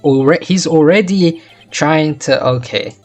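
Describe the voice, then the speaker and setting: A man's voice: fairly high pitch, slow. A man giving casual, self-deprecating commentary while playing and voicing a video game. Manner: chatty, self-deprecating asides. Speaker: gamer voicing a playthrough. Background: faint game music.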